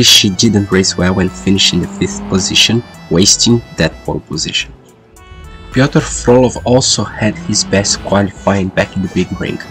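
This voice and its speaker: A man's voice: sits low, fairly bright tone, rough recording. A man hosting race qualifying commentary while sick, with a congested, duck-like voice. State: sick with a lingering cold. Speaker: sim racing commentator and host. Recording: music behind the voice. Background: background music.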